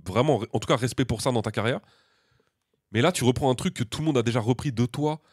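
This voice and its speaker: A man's voice: mid-range voice, fast, husky, dry recording, studio quality. A man co-hosting a podcast from France, chatting casually in a slangy, joking way with strong opinions. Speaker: podcast co-host. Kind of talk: casual chat.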